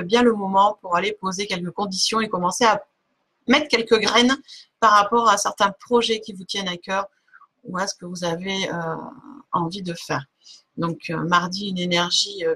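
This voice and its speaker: Medium in pitch, bright, forceful, and slightly rough, this woman's voice carries a live streamed oracle card reading. She's easygoing but hesitant, pausing often to grope for words, piling up fillers and restarts, and laughing at herself.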